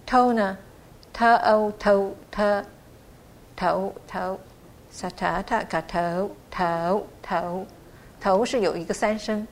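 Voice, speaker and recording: A woman teaching pronunciation, repeating syllables slowly and explaining their tones. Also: mid-range voice, slight background noise. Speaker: language teacher. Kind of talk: pronunciation lesson.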